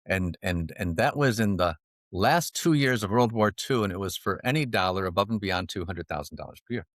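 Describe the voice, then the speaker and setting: With a low voice and a brisk delivery, this man tells jokey, animated stories as a guest on a podcast, often laughing at his own punchlines. He works as a financial advisor, and the interview centers on storytelling. The sound is dry, studio grade.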